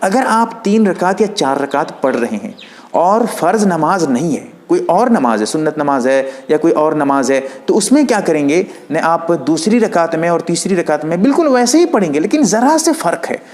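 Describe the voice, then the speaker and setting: A man with a somewhat high voice gives religious instruction. He speaks in a patient, explanatory way and shows each movement as he goes. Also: a little mellow. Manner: patient, explanatory, demonstrating as he talks. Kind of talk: step-by-step prayer instruction.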